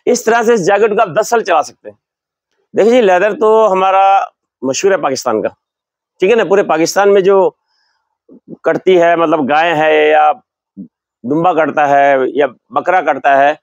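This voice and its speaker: Wearing a lapel mic in his large shop, an older leather seller from Pakistan demonstrates and explains his merchandise while displaying it. He speaks in a high-pitched, creaky voice, and no room sound comes through.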